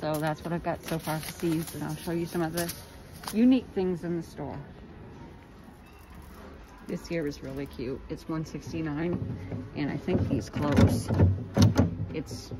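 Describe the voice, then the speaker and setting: A woman chatting casually as she walks through a large store, filming on her phone and pointing out prices. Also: fairly low pitch. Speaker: vlogger. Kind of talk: casual shopping vlog narration. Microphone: phone camera held while walking. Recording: noisy store background.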